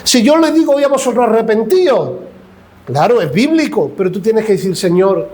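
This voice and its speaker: High-voiced Andalusian pastor preaching. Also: male voice, big pitch swings, brisk, darkish tone. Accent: Andalusian Spanish. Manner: impassioned preaching, acts out dialogue, asks the congregation questions. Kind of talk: sermon. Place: church.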